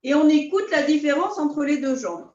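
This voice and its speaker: A woman teaching a beginners' qi gong class, calmly guiding her students step by step. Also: high-pitched. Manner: calm, unhurried, step-by-step guidance. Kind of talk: guided class instruction. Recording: roomy, distant, dull sound.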